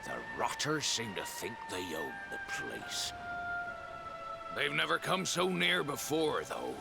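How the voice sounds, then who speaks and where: An actor playing a gruff but kindly old sailor-like man in a video game, with folksy, weary speech and a gravelly voice. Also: medium pitch, huge pitch swings, takes it slowly, heavily acted. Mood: relieved, grumbling. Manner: folksy, old salt's dialect. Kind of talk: video game character acting. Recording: game music behind. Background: game music.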